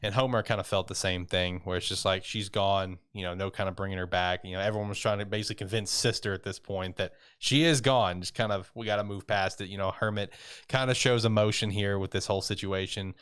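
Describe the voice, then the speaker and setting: A low, smooth-voiced man co-hosting an anime podcast, chatting casually and rambling through a recap with lots of "you know" fillers and bursts of laughter. The sound is dry and close. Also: steady tone, fast talker, a bit bright, no room sound. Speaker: podcast co-host.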